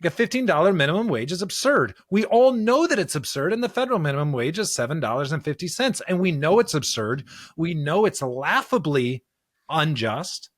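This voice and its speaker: An American man with a fairly high, sing-song voice co-hosts a religious discussion podcast, talking briskly, earnestly and emphatically. He's a preacher who repeats phrases to drive his points home, and the recording is dry with clean studio sound.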